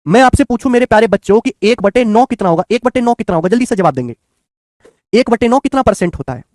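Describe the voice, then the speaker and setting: A man's voice: high voice, darkish tone, no room sound. A man teaches math in an exam-prep lecture. He coaxes his students, calling them children and friends, and goes over each step again and again. The sound is close and dry. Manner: coaxing, repetitive, addresses students as children and friends.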